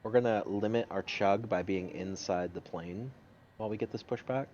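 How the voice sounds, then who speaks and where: A man's voice: on the low side, moderate pace, darkish tone. A man giving casual, offhand commentary while playing a flight simulator. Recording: dull audio, cockpit engine noise.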